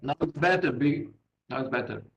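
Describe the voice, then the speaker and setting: A man's voice: fairly high pitch, moderate pace, a bit bright, poor audio. A man, a professor, moderating an online seminar, brief and directive. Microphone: video call.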